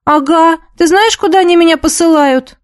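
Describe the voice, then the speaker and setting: A woman's voice: very high-pitched, normal speed, no room sound, studio quality, pitched above the performer's own voice. A woman putting on a whiny teenage girl. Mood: whining. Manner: whining, pleading.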